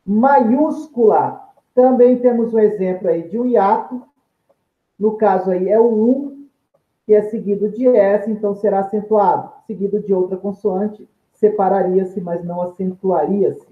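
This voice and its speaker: A teacher giving a deliberate grammar lesson and stressing each example word. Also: mid-range voice. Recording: tinny phone-like line in an echoey room.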